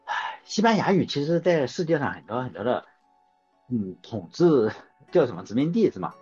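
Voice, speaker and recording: Husky male host, animated delivery, casual rambling chat, dull lo-fi recording with faint music. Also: mid-range voice, normal speed. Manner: rambling, anecdotal, self-correcting.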